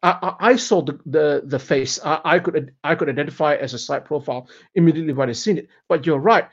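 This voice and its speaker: A man with a husky, somewhat high voice co-hosts a panel. He argues casually and emphatically, often adding 'right?'. The audio is dull and band-limited. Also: quick pace. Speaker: panel host. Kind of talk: casual analytical chat.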